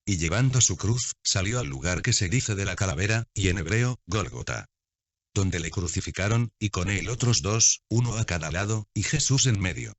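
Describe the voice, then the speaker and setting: A low-pitched man reads scripture in a measured, unhurried narration. The recording is dry, with no room sound, and the sound is dull and lo-fi. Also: lively intonation, no room sound. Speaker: Bible reader.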